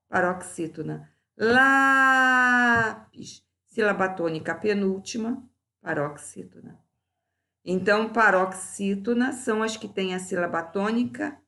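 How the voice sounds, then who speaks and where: A woman teacher, slow and deliberate, going through grammar exercise answers in a recorded class and drawing out each example word. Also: mid-range voice, vocal fry, a bit bright.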